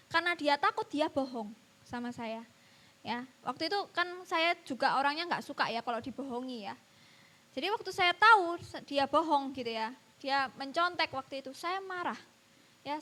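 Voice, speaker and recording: A woman's voice: sits high, sharp tone. A woman preaching a church sermon, telling a personal story and addressing the congregation often. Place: church service.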